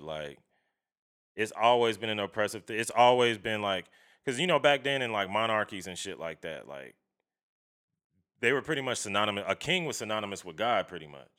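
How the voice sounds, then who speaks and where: Casting: man, very low clear voice, emphatic and slangy, swears freely in casual opinionated conversation. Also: a bit bright. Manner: emphatic, slangy, profane, often seeking agreement.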